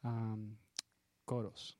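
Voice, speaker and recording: A man from the Dominican Republic talks slowly in a relaxed, mellow voice during a radio interview. The sound is dry and close, with very little room sound. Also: on the low side, no echo. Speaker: percussionist and backing singer. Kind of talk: casual interview.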